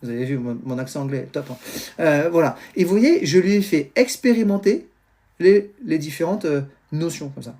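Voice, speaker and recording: A middle-aged man, a teacher and trainer, giving advice to parents on a live stream in an animated, explanatory way, with many fillers and restarts. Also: fairly high pitch, moderate pace. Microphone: phone or computer mic on a live stream.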